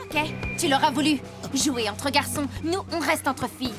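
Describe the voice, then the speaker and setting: Woman as a very high-pitched, determined cartoon girl. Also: normal speed, close to an everyday voice. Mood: defiant. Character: determined young girl footballer standing her ground. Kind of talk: French animated series dubbing. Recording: loud music behind the voice.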